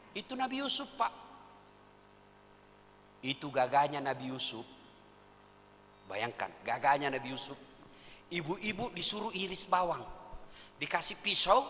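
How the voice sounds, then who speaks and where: High, bright, animated male preacher. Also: a little hiss or hum. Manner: animated, joking, addressing the crowd directly. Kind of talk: comic sermon. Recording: long hall reverb, faint ambience.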